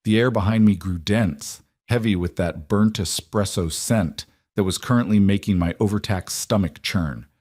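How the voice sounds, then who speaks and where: A man narrating a first-person romance story in a steady, even reading. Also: on the low side, moderate pace, few pauses, no echo, studio quality.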